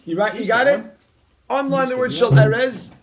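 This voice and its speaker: A man leads a Talmud class in a notably high voice. He drills each phrase by repeating it again and again and presses his students with energetic emphasis. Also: a little fast, a crowd in the background. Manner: repeats key phrases over and over, drilling the point. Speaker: Talmud teacher. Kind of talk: Talmud class reading and explaining text.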